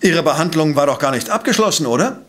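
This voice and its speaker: An actor playing a coolly precise professor-detective in a radio play, questioning in a formal, probing way. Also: male voice, fairly high pitch, animated, fast, fairly bright tone. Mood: insistent. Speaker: voice actor in audio drama.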